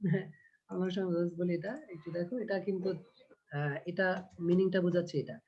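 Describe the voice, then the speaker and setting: Patient teacher on a dull lo-fi call. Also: male voice, high voice, steady tone. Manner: explains patiently, reads poem lines slowly. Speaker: English teacher. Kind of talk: online class lesson. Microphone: video call. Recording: dull lo-fi video call audio.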